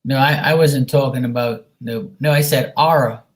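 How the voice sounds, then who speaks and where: A man's voice: medium pitch, steady tone, normal speed. A man hosting a casual livestream chat, talking informally to viewers and giving them encouraging advice. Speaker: psychic reader and livestream host.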